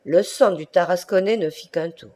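Reading a classic novel as an audiobook, a woman tells the story in a measured, expressive way. Her lower-pitched voice sounds warm and mellow, and she is recorded close to the mic.

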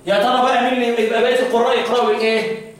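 A man with an Egyptian Arabic accent teaches Quran recitation in a call-and-response classroom lesson, quizzing students and chanting verses between questions. His voice is very high-pitched, flat and racing, captured by a distant mic in an echoey room.

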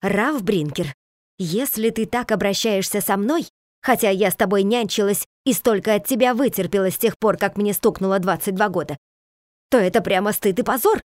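A woman's voice: medium pitch, animated, moderate pace, a little mellow, no echo, clean studio sound, lightly acted. A woman playing a fretful, outspoken wife. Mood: agitated. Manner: raised, pleading and reproachful.

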